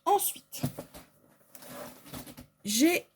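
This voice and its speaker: A woman's voice: drawn-out words, slight background noise. A French woman chatting casually through an unboxing, hesitant and full of fillers, with packaging crinkling behind her. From France. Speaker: sewing shop owner.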